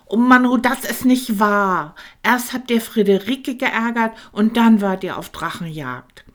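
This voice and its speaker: A woman's voice: fairly low pitch, lively intonation, a little slow, pitched above the performer's own voice. A woman voicing a small, friendly young male dragon in a children's audiobook, who keeps saying "oh Mann, oh" and talks about himself by name. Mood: indignant.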